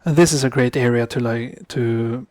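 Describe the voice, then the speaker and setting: A young Norwegian man gives casual gameplay commentary in English, his second language after Norwegian. His mid-range voice has fairly even intonation and a darkish tone, with no echo. He's halting, often stopping to correct himself and muttering asides under his breath.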